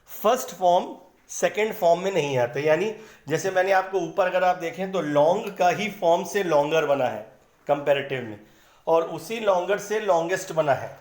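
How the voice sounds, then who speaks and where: High-voiced man teaching, echoey room. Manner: patient, repeats words syllable by syllable. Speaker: English grammar teacher. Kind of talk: explanatory lesson in Hindi.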